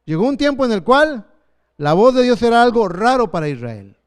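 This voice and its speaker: A man in his fifties preaching a sermon as pastor, earnest, slowing down for emphasis. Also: extremely high pitch, big pitch swings. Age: 50s.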